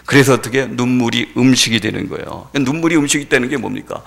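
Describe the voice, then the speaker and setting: A middle-aged male pastor giving a sermon, swinging from soft conversational asides to loud impassioned pleading. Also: medium pitch, fast talker, vocal fry.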